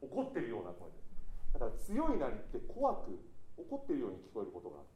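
A man's voice: mid-range voice, huge pitch swings, fast talker, warm tone, reverberant, a little hiss or hum, rough recording. A man coaching a choir in rehearsal, polite and encouraging, singing short phrases to show what he means. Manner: sings phrases to demonstrate. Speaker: choir conductor.

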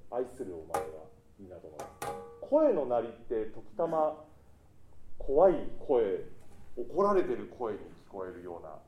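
A man's voice: lowish voice, roomy sound, narrow, tinny audio. A man coaching a choir in rehearsal, polite and encouraging, singing short phrases to show what he means. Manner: sings phrases to demonstrate. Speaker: choir conductor.

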